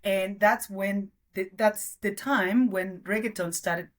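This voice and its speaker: A woman's voice: medium pitch, fairly even intonation, slow pace. A woman from Mexico, a podcast guest talking in reflective, casual chat. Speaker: guest, TV presenter.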